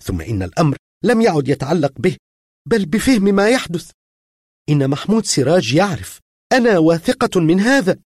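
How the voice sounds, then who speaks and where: A tearful, anxious young woman pleads in a raised, strained voice that leaps wildly up and down, as a man reading the story puts her on. The tone is husky and dry, and her worry keeps boiling over. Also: high-pitched, sing-song, a little fast, a little mellow, no echo, voice pushed up, full character voice. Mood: distraught. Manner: pleading, rising to distraught outbursts. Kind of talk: audiobook reading.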